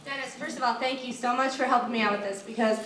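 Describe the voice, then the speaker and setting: A woman's voice: fairly high pitch, steady tone, quick pace, over a noisy crowd. A woman ventriloquist doing comic stage patter with an audience volunteer. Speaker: ventriloquist comedian. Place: small theater stage, indoors. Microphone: handheld mic, filmed from audience seats. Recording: distant echoey recording, loud audience noise.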